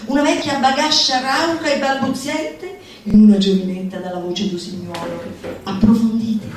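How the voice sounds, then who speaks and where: In a very echoey room, picked up by a distant mic with faint noise, a woman gives a stage recitation of a satirical manifesto. She sounds declamatory and exhorting, with mock-solemn emphasis. Her pitch sits on the high side, her intonation is fairly even, and her pace moderate.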